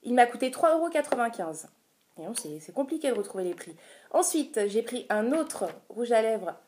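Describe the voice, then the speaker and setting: A woman's voice: on the high side, sing-song, moderate pace, darkish tone, slight background noise. A woman casually talking through a beauty haul vlog, chatty and hesitant, with many filler sounds. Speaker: beauty vlogger.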